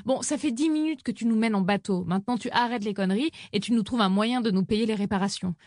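A woman's voice: mid-range voice, fast talker, darkish tone, no echo, clean studio sound, close to an everyday voice. A woman reading an audiobook and voicing a blunt, menacing young woman who swears and bosses others around. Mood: irritated. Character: bossy, foul-mouthed young woman, aggressive.

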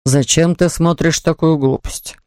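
Lady doing a doubtful dad, low and dry, asking flat questions. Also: measured pace, no room sound. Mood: skeptical. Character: skeptical father questioning his son.

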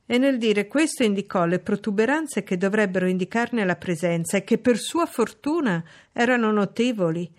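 A woman reading a classic novel aloud in a measured, expressive narration. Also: medium pitch. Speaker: audiobook reader. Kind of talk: scripted literary narration.

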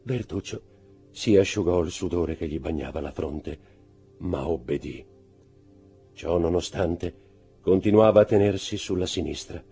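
Gravelly low-voiced male narrator. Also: soft background music. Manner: measured, expressive storytelling. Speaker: audiobook reader. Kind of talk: dramatic novel narration.

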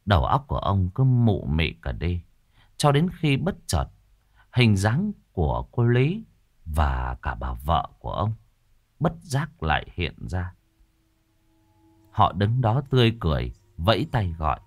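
A man narrating a ghost story in a dramatic, expressive way. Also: low-pitched, a little slow, no room sound, studio quality.

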